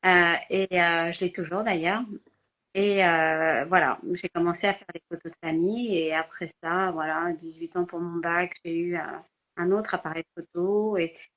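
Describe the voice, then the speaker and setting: A woman's voice: fairly low pitch, steady tone, normal speed, a bit bright, highs cut off. An older woman from France, speaking hesitantly with many fillers as a guest in a casual live video-call interview. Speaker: guest photographer.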